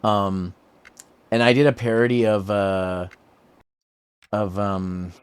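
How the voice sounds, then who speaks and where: A man streaming a game, chatting casually, laughing often and rambling in an animated way. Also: fairly low pitch, slow, smooth, no echo. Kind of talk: casual chat over a game.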